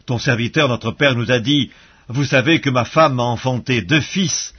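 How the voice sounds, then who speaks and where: A man reading scripture aloud in a measured, solemn way, pausing between phrases. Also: mid-range voice, husky. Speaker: Bible reader. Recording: dull lo-fi audio recording.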